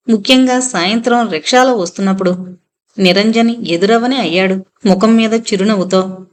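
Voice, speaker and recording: A woman narrating a full-length novel as an audiobook, reading the dialogue in her own voice with steady storytelling. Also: medium pitch.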